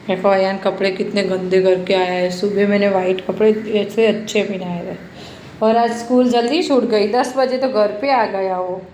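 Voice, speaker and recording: A woman's voice: medium pitch, steady tone, normal speed, a little mellow, a little hiss or hum. A woman narrating her day at home in a chatty family vlog, coaxing her pet now and then. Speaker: family vlogger.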